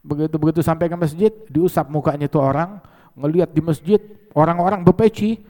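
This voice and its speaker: A man delivers a sermon, his voice sitting slightly high. He tells stories with animated energy and drops in Arabic phrases. The sound carries a long reverb, as in a large hall. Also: brisk. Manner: animated storyteller who acts out quoted voices, sprinkling Arabic phrases. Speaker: religious preacher. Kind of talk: sermon with storytelling.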